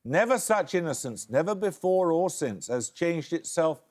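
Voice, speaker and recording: A man hosting a quiz show, reading questions crisply and giving dry, wry introductions. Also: a little high, sing-song, moderate pace, a little mellow. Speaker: quizmaster.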